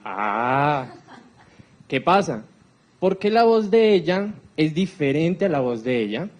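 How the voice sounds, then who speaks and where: A man's voice: fairly high pitch, sing-song, takes it slowly. A man giving a live talk in a university hall, often putting questions to the audience. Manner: engaging, quizzes the audience with questions. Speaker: speaker on accessibility for deaf people.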